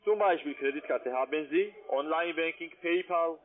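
Speaking at a moderate pace in a slightly high voice, a non-native German-speaking man sells by phone from a call centre. He presses insistently, his grammar slipping, and the line sounds narrow and tinny.

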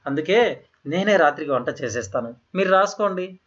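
A man's voice: fairly high pitch, animated, a little fast, a bit bright, husky. A man voicing a young newlywed woman who speaks politely and eagerly to her mother-in-law in an audio story. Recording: slightly dull, lo-fi audio.

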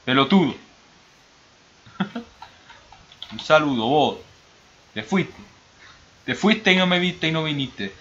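A man putting on a sing-song Argentine accent to play a guy teasing an old friend, higher than his own voice. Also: expressive, slow pace, pauses often, fairly bright tone, lo-fi sound, slight background noise.

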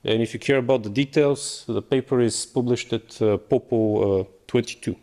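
A young man presents his work at an academic conference in a lecture hall, then fields questions, speaking hesitantly with lots of fillers and restarts. His mid-range voice is a little mellow and moves at a moderate pace.

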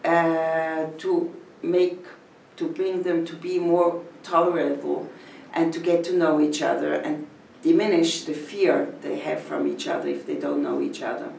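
In an echoey room in front of a painted mural, an older Swiss woman who teaches in her community tells the camera about her village. Her delivery is measured, moving phrase by phrase with pauses, and her voice is deep, gravelly, roomy and a little mellow. The far-off mic captures slight background noise.

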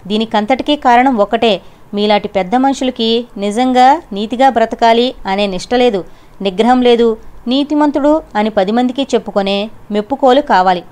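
A woman's voice: mid-range voice, normal speed, a little mellow, close to an everyday voice. A woman voicing a bitter young man in an audiobook reading, making an impassioned, accusing outburst.

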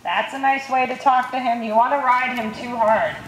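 A woman's voice: fairly high pitch, normal speed. A woman riding coach calling out short, repeated instructions across a large indoor arena, recorded from a distance. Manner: repetitive short commands. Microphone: distant camera microphone. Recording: distant, very echoey indoor arena, some noise.

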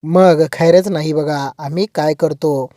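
A woman's voice: sits low, fairly even intonation, measured pace, mellow, no room sound, studio quality. A woman voicing a male kidnapper who barks threats down the phone. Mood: menacing. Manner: barking orders, menacing.

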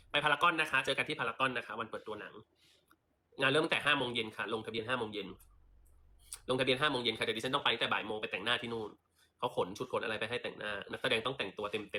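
A livestream seller chats sassily while selling lipstick, throwing in theatrical asides during this casual sales stream. His voice is medium-pitched, bright and forceful.

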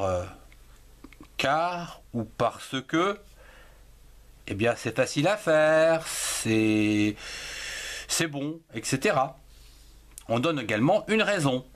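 Slow, lively-voiced male French teacher. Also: medium pitch. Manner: slow, spelling words out letter by letter and syllable by syllable. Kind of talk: French writing lesson for young children.

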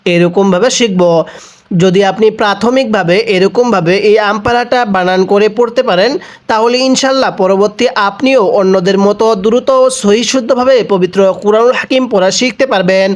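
A man's voice: high-pitched, brisk. A man from Bangladesh teaching the Quran, patiently spelling out syllables one at a time and asking the listener to read along with him. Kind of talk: slow spelling-out recitation lesson.

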